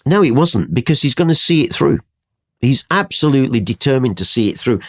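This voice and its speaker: A man's voice: medium pitch, fairly quick. A man teaching from the Bible in conversation, telling the story with energy and acting out the quotes. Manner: animated storytelling, acts out quotes.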